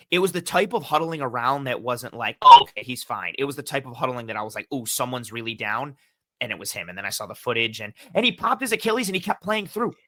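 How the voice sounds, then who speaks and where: A man's voice: mid-range voice, dry recording, clean studio sound. A man analyzing football as a guest on a casual sports podcast, telling stories animatedly and acting out what others said. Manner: animated storytelling with quoted voices.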